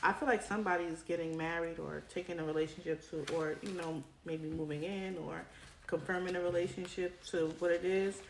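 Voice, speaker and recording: A woman gives a casual tarot reading straight to her viewers, chatty and often asking "right?". Her voice is low, steady, fairly quick and creaky, tiring as she comes down with a cold. Clicks and shuffling cards sound in an echoey room.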